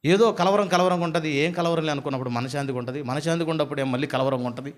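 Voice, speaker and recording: A man's voice: fairly high pitch, racing, natural voice. A man, voicing a weary, restless man who pours out rambling complaints to a doctor. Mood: complaining. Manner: plaintive, rambling, tumbling complaints.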